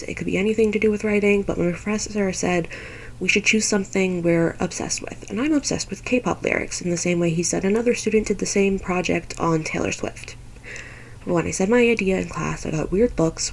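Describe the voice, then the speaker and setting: A woman's voice: lowish voice, creaky, a little mellow, a little hiss or hum, low-quality recording. A young woman, a college student, talking to camera in a frustrated, pointed way, her voice congested from a stuffy nose. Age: young adult. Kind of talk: vlog commentary.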